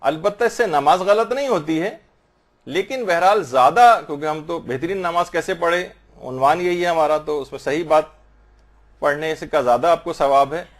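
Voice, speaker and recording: Man slowly teaching prayer pronunciation. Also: a little high. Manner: patient, explanatory, slowly demonstrates Arabic pronunciation. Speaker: religious teacher. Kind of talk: religious instruction on prayer recitation.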